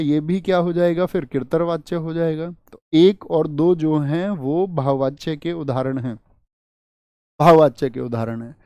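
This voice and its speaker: A man's voice: on the high side, a little mellow, no room sound, clean studio sound. A male teacher running an exam-prep lesson, drilling students with repeated rhetorical questions. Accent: Hindi.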